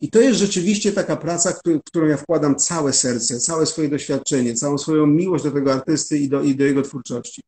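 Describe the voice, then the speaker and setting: A man with a somewhat high voice gives long interview answers. He explains his working process step by step, in a careful and methodical way. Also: a little fast, hardly any pauses, mellow. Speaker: interview guest, musical translator.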